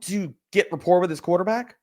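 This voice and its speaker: A man with a somewhat high voice talks fantasy football on a podcast. He is emphatic and profane, and he piles up rhetorical questions as he rants in relaxed, casual chat. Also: fairly quick.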